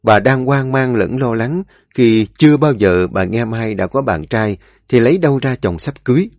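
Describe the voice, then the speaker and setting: Expressive story narrator. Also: male voice, medium pitch, normal speed, no echo. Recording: dry studio voice with faint music. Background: faint music.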